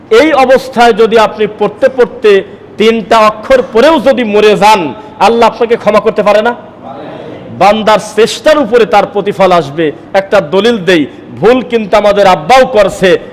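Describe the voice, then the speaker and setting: A man preaching a sermon, pressing his listeners with forceful rhetorical questions. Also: sits high. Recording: long hall reverb.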